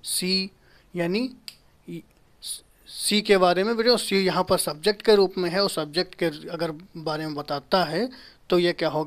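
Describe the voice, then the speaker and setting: A man in his thirties gives a whiteboard grammar lesson in a small indoor room, recorded by a camera a few feet away. He speaks at an unhurried, deliberate pace. He keeps repeating key terms and asking questions he then answers himself. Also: sits high. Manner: explains slowly, repeats key terms, asks rhetorical questions. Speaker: English grammar teacher.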